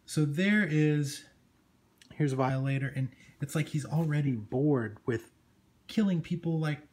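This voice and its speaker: Going page by page, a man with a fairly high, slightly mellow voice talks through his comic book review conversationally and eagerly, a little on the slow side. The audio is amateur, clearly noisy, and full of room ambience.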